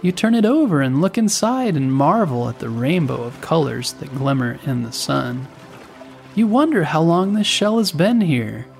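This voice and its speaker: A man narrating a scripted guided relaxation in a soothing, unhurried way, with pauses between phrases. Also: a little high, expressive, vocal fry, a little mellow. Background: music bed.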